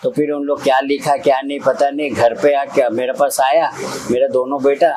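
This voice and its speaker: An older man from central India, an old age home resident, telling his own life story in a halting, simple way with many repetitions. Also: medium pitch, level tone, a little mellow, rough recording. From Nagpur, India. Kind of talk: personal testimony in an interview.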